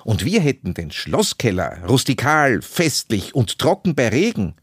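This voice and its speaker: A homely male club member making his pitch with lively, upbeat emphasis, as a man reading a story puts him on. Dry and close. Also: measured pace, slightly rough, no room sound, full character voice. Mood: persuasive.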